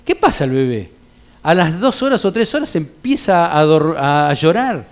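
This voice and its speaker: A middle-aged Argentine pastor with a Rioplatense accent and a rather high voice for a man, teaching a Bible study in church. He preaches conversationally, slipping in everyday stories and casual local slang. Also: sing-song, moderate pace. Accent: Rioplatense Spanish. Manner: conversational preaching with anecdotes and colloquial asides.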